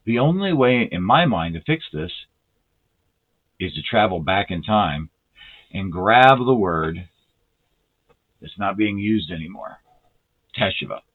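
A man preaching a sermon in an earnest, measured way, slowing down to stress key words. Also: low voice, animated, breathy edge. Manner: earnest, measured, with slow deliberate emphasis; self-described dry sense of humor. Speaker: lay preacher. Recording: tinny phone-like audio.

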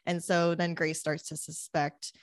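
A young woman with a notably low voice chats casually about a movie she watched. She retells scenes eagerly, slipping into quick bits of dialogue and peppering her talk with likes. The sound is dry and close, with no room around her. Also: no echo. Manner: animated retelling, acts out quotes, frequent likes. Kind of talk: casual chat about a film.

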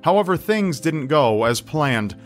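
A man's voice: a little high, very animated, unhurried. A man reading scripted narration in the style of a true crime list video. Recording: music behind the voice. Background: background music.

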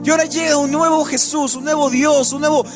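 A man preaching in a very high voice, his delivery rising and falling in a sing-song cadence. He restarts phrases and repeats small words as he builds his points. Soft music plays faintly behind him. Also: steady tone, brisk. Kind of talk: sermon.

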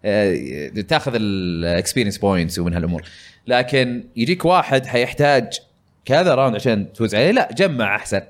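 Lively rambling man chatting about games. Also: fairly low pitch, quick pace. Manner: lively, rambling, many fillers. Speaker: podcast host. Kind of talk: casual gaming podcast chat.

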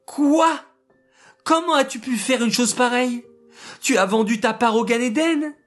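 A storyteller voicing a merchant's wife, an insistent, indignant woman, in a high, demanding tone. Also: expressive, unhurried, soft background music. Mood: outraged.

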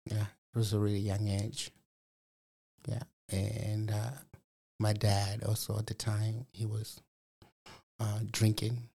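A man's voice: fairly low pitch, little pitch movement, slow, creaky, pauses often, dark tone. A man, telling his life story in an interview, reflective and full of fillers. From Malawi. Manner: reflective, many fillers like "you know". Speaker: program resident guest. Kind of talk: personal testimony interview.

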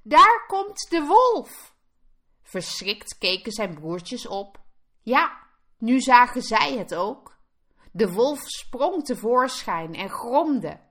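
A woman teacher reading a fairy tale aloud slowly and clearly for language learners. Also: a little high. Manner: clear, expressive read-aloud. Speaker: Dutch teacher. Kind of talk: slow storybook narration for learners.

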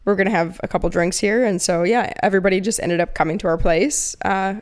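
Young woman, podcast co-host, casual chat, animated storyteller, swears a lot. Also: medium pitch, quick pace, clean tone.

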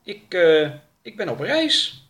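A man voicing a naive, gentle traveller in a storybook reading, earnest and innocent. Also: high-pitched, very animated, slow pace, voice pushed up, exaggerated voice.

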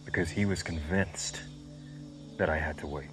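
An actor playing an earnest, grieving male superhero in a film drama, speaking gravely and haltingly. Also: extremely low pitch, rough recording. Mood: sorrowful, confessional. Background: music.

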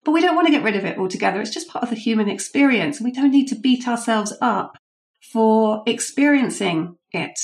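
A woman's voice: fairly high pitch, expressive, fairly quick, a little mellow. Woman coaching, explanatory and anecdotal. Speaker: guest, leadership coach. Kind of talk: podcast interview answers.

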